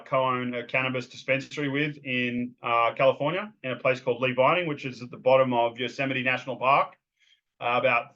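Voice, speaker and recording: The dull-sounding recording captures a medium-pitched, slightly bright male voice with an Australian accent. He's a guest in casual interview talk, telling his story in a loose, rambling way with many ums and restarts.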